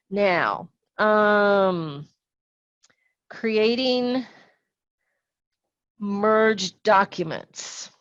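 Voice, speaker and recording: A woman leading a software training webinar, explaining steps patiently with frequent fillers and pauses. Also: medium pitch, no room sound, lo-fi sound. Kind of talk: screen-share webinar tutorial.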